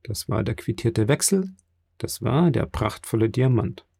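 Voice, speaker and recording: A male audiobook narrator with a dark, mellow voice. He reads in a measured, steady way. The recording is dry, with no room sound. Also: medium pitch, creaky, husky, no room sound. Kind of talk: scripted narration.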